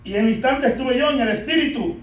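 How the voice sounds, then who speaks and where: A man's voice: very high-pitched, fairly quick, slight background noise. A man preaching a sermon to a congregation, repeatedly calling out "beloved brothers" and asking them to answer back. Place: church. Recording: echoey church hall, distant from mic.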